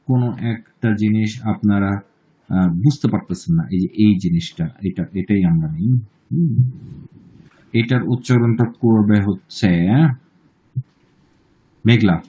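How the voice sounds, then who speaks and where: A man with a Bangladeshi accent teaching an online German class, drawing out words slowly and checking in with students often. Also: fairly low pitch, mellow, rough recording. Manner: slow, drawn-out model pronunciations, checks in often.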